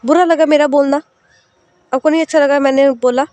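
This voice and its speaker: A woman voicing a tender young woman who keeps gently asking her crying partner what is wrong. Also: high voice, fairly even intonation, a little fast, dry recording, voice pushed up, close to an everyday voice. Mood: worried, coaxing. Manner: coaxing, repeated worried questions.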